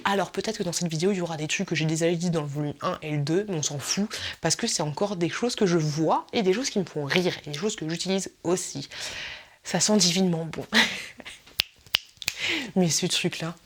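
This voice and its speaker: A woman's voice: on the low side, fairly quick. A woman YouTuber in a casual, humorous vlog, teasing and addressing viewers directly. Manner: playful and teasing, mimics other creators in exaggerated voices.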